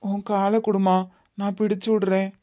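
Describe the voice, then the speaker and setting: A woman voicing a kindly widowed father-in-law who speaks gently and coaxingly, in a Tirunelveli Tamil accent. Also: medium pitch, little pitch movement, moderate pace, lightly acted. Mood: gentle, coaxing. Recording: slightly muffled lo-fi audio.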